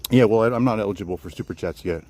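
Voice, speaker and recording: A man's voice: fairly low pitch, rapid-fire, a little mellow. A man chatting casually to livestream viewers outdoors, rambling and often repeating his phrases as he goes. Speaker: livestreamer hosting a walk and talk. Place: outdoors on a walk in the woods. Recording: outdoor noise with insects and nature sounds. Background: crickets, outdoor nature ambience.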